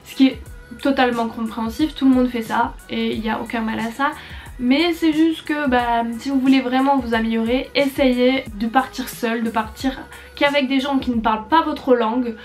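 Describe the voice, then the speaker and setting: Young female YouTuber, twenties, high-pitched, casual and hesitant delivery, faint music bed. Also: fairly even intonation, normal speed, a little mellow. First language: French. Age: 20s. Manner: chatty, many fillers and hesitations. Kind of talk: casual talk to camera giving language tips. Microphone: compact camera.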